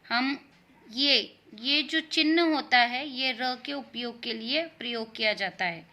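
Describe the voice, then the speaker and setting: A woman teaching a Hindi grammar lesson to young children, explaining patiently and repeating words slowly for her pupils. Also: a little high, bright, forceful tone.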